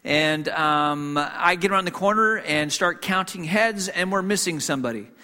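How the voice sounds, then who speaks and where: Bright-voiced man telling a sermon story. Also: high voice, moderate pace, clean tone. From Hong Kong. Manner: conversational, frequent fillers and restarts, self-deprecating humor. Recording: long reverb in a hall.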